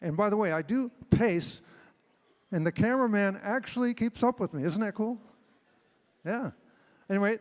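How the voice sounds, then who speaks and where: Older american guy chatting and joking on stage, highish voice, echoey big hall. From Illinois, United States. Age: 70s. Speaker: auctioneer presenting on stage. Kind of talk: informal stage presentation with jokes.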